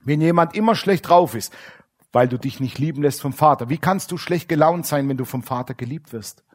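Lively preacher man, colloquial. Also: fairly high pitch, a little fast. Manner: lively, colloquial, dramatic swings between loud emphasis and quiet asides. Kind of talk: sermon.

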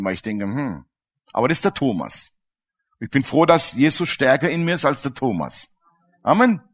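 A man's voice: on the high side, a bit bright. A man preaching a sermon in a colloquial, storytelling way, turning to his listeners with questions. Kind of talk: sermon with personal stories.

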